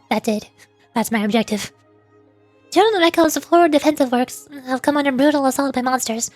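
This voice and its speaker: This woman vtuber's voice sits high on a dry recording as she plays and casually narrates, playfully talking to herself. Faint game music runs in the background.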